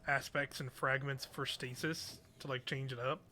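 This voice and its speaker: A young man with a bright, forward voice and a fairly flat delivery chats casually on a game stream. He rambles hesitantly in loose slang, with noise audible behind him. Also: medium pitch, normal speed. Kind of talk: casual chat while gaming.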